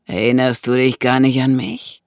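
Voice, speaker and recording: An audiobook narrator voicing a menacing man with a knife, who taunts slowly and mockingly. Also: mid-range voice, flat delivery, no room sound, clean studio sound, lightly acted. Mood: taunting. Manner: slow, taunting, drawn-out delivery.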